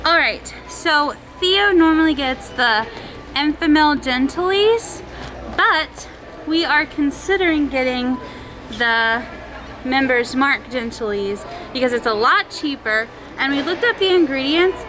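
A woman's voice: high voice, lively intonation, measured pace, pushed and bright. A woman and mother chatting casually to camera in a family vlog, giggling often. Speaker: vlogger and mother. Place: car and grocery store. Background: background music.

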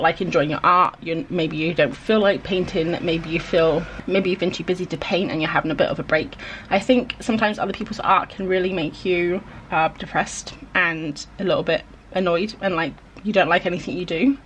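A woman's voice: lowish voice, moderate pace, a bit bright, a little hiss or hum. A young woman chatting casually in a vlog voice-over, rambling and self-deprecating as she answers viewer questions.

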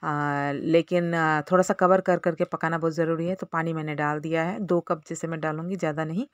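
A woman's voice: deep voice, steady tone, a little fast, no echo. Woman, cooking vlogger, step-by-step chatty narration, dry voice-over. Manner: chatty, explains step by step with fillers. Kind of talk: casual cooking tutorial narration.

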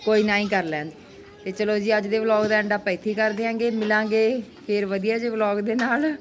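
A woman with a Punjabi accent chatting casually as a family vlogger, with an animated, exclaiming manner. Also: mid-range voice, brisk. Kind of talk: casual family vlog chat.

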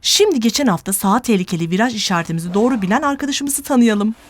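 Narrating an educational cartoon for kids, a high-voiced woman speaks fast and expressively from a script. She stays clearly articulated, encouraging and didactic, backed by music.

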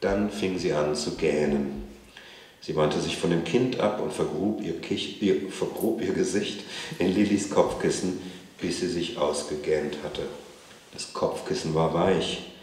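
A man reading a novel aloud at a literary event in a museum, in a calm and measured way. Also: low-pitched. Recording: echoey room.

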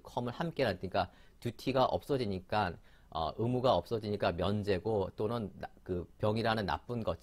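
Casting: man, lower voice, easygoing vocabulary teacher with fillers and self-corrections. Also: a little mellow. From Korea. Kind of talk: explanatory vocabulary lesson.

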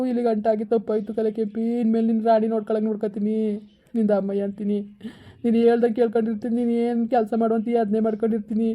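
A penitent young village husband, played by a woman pleads over and over. The voice is mellow and a little raised, and the begging rushes along without pause. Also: a little high, lightly acted. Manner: begging, repeating pleas. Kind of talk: village comedy skit.

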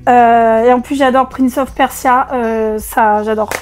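High-voiced excitable French woman vlogger. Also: measured pace, soft background music. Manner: excitable, chatty, many fillers. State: strained voice, holding back from shouting. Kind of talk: casual unboxing vlog.

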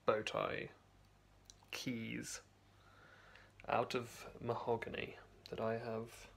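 A young man with a medium-pitched, gravelly voice talks casually into a phone camera held close in his home basement. He's a vlogger recording a video diary, rambling along with lots of fillers and false starts.

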